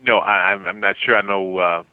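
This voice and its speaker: A man working as a phone sales representative, speaking politely and somewhat haltingly over a telephone line. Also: low voice, fairly even intonation, dry recording. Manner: polite, stammering, calls the caller ma'am. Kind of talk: customer service phone conversation. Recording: thin, dull telephone line.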